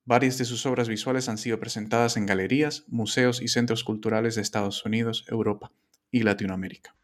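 A man hosting a podcast, reading a measured scripted introduction and asking his guest questions. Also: medium pitch, steady tone. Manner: measured, reading names and titles carefully. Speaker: podcast host.

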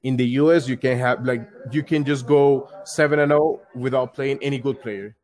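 A young man from Colombia, guesting on a casual interview by call, talks at normal speed in a steady, mid-range and slightly mellow voice. He's a card game store player whose loose, rambling speech is full of "likes," repeats and restarts.

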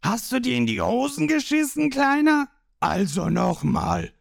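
A man voicing a boastful, hot-tempered male pirate boss who shouts and mocks, in a read-aloud manga story. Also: very high-pitched, expressive, unhurried, gravelly, dry recording, clean studio sound, pitched above the performer's own voice, heavily acted. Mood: blustering. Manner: blustering, shouting, mocking.

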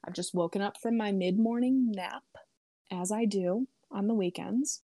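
A woman's voice: mid-range voice, moderate pace, warm tone, dry recording, clean studio sound. A woman in her twenties telling a story in a casual, chatty way, full of "like" and "um" and freely swearing. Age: 20s. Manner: chatty, filler-heavy, lots of "like" and "um".

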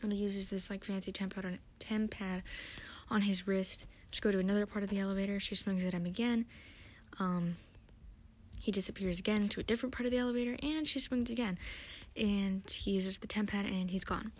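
A young woman recapping a TV episode in a soft-spoken ASMR style. She is chatty, often slips into a whisper and uses many fillers. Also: medium pitch, steady tone, a little fast.

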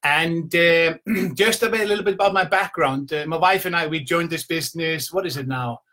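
Indoors at home, a middle-aged man with an Icelandic accent coaches a live online audience in a brisk, informal motivational talk about business. He sounds bright and forceful, his pitch a little higher than the average man's. Stories come out in a rambling, chatty way, full of "you know".

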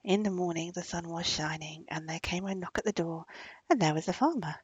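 A woman narrating a folk tale gently, sometimes dropping into soft whispers. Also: lowish voice, a little fast, breathy edge, dry recording, rough recording. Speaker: storyteller. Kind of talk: storybook narration.

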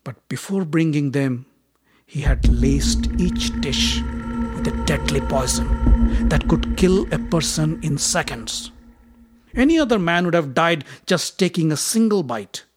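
A man narrating an old epic as a storybook tale with expressive delivery. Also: fairly high pitch, unhurried, husky, faint music behind.

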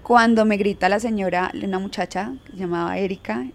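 A woman's voice: medium pitch, fairly even intonation, a little fast. A young woman telling a personal story frankly, laughing often as an interview guest. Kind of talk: candid storytelling in conversation.

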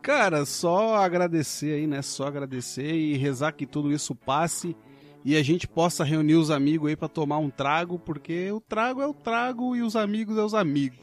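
A man's voice: a little high, moderate pace, faint music behind. A man co-hosting a casual radio show, talking in slang and laughing often. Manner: slangy, laughs a lot, says velho. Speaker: radio co-host.

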